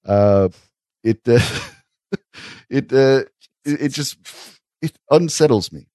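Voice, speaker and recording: A man co-hosting a podcast, talking in a thoughtful, wry way with frequent "uh" pauses. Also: medium pitch, lively intonation, dark tone, dry recording, clean studio sound. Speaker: podcast co-host reviewing sketch comedy. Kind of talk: casual chat.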